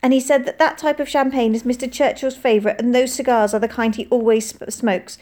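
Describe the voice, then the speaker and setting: A woman voicing an anxious young girl who is impatient at first and easily upset, speaking in a high, urgent way. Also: steady tone, brisk, darkish tone, close to an everyday voice. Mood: tearful.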